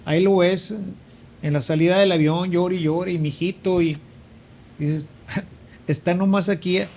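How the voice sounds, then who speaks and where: A man's voice: sits high, fairly even intonation, a little slow, darkish tone, slight background noise. A man, a priest sharing a conversational spiritual reflection and rising for emphasis. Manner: reflective, with frequent fillers and emphatic rises.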